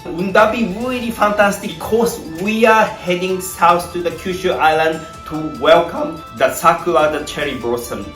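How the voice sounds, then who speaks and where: A man from Japan with a Japanese accent, a tour guide giving an upbeat promotional pitch full of rhetorical questions and long lists. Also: normal speed, few pauses, a bit bright. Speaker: tour guide and founder of a craft tour. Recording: roomy voice with faint background music.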